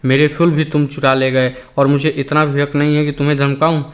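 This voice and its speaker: A man's voice: fairly high pitch, little pitch movement, fairly quick, natural voice. A man voicing a frail, sickly old Englishman who whines tearfully and pants for breath, in an audiobook. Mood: whining.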